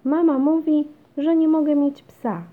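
A woman's voice: expressive, unhurried. A woman reading a children's storybook, voicing a stubborn, cheeky little girl who whines and insists. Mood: pleading. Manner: high, whiny and insistent. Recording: dull lo-fi recording.

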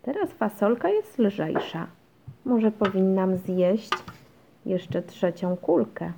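A woman's voice: lively intonation, slow pace, vocal fry, noisy background. A woman reading a children's storybook, voicing a stubborn, cheeky little girl who whines and insists. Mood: pleading. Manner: high, whiny and insistent. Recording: dull lo-fi recording.

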